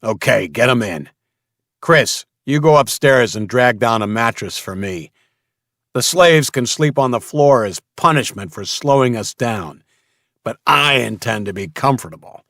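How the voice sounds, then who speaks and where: A man's voice: mid-range voice, animated, unhurried, fairly bright tone, no echo, clean studio sound, voice pushed up. A man voicing a domineering male slaver leader who barks orders at his crew. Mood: commanding. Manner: barking orders.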